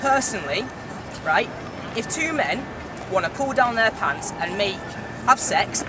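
A man's voice: high voice, animated, a little slow. A young man in a heated street debate, talking earnestly and rambling as he keeps talking over the other speaker. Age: young adult. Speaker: passerby debating a preacher. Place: outdoor city square. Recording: distant outdoor recording with crowd and street noise.

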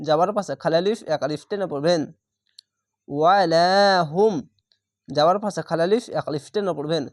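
A man teaching Quran reading, spelling out each syllable and then chanting every word slowly and drawn out, with patient, repetitive instruction. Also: a little high, a little mellow, no echo, studio quality.

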